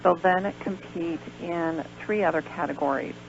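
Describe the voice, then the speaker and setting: An American woman with a fairly low, gravelly voice full of fry appears as a guest on a radio show, where she's a pageant organizer. She explains things step by step, pausing and hesitating along the way. The recording is dull and lo-fi, with some hum and noise.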